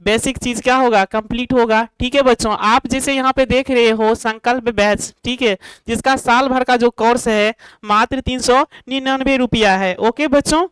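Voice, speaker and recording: Smooth-voiced teacher, asking and answering. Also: female voice, fairly high pitch, fairly even intonation, no echo, low-quality recording. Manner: poses rhetorical questions and answers them, checking in with students; drawn-out, repetitive explanation. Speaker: math teacher. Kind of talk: online classroom lesson.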